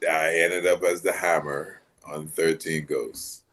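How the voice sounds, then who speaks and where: A middle-aged man from Jamaica, raised in Maryland, chatting in an interview in a relaxed, rambling way with many fillers. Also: a bass voice, takes it slowly. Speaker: actor guest. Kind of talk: casual interview chat.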